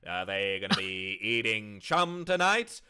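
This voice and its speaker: A man voicing a brash, excitable sports commentator with drawn-out showmanship in a tabletop game. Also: on the low side, clean tone, full character voice. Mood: hyped.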